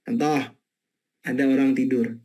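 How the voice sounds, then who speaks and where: A man preaching in a sermon webinar with an Indonesian accent, telling stories and asking rhetorical questions in a lively way. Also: mid-range voice, unhurried, slightly rough.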